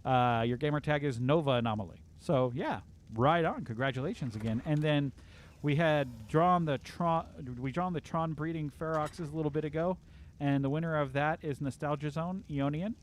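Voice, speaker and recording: A man's voice: a little high, normal speed, a little hiss or hum. A man hosting a casual game livestream from home, chatting in an upbeat way and reading viewer comments aloud. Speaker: livestream host. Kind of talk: casual live-stream chat.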